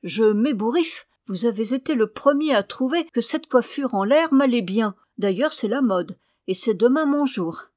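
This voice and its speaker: Une femme qui prête sa voix à une jeune épouse coquette et piquée, au ton faussement angélique. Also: female voice, a little high, expressive, normal speed, few pauses, a little mellow, no echo, studio quality, natural voice. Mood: teasing. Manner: piqued, affected sweetness. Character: coquettish, prickly young wife at bedtime.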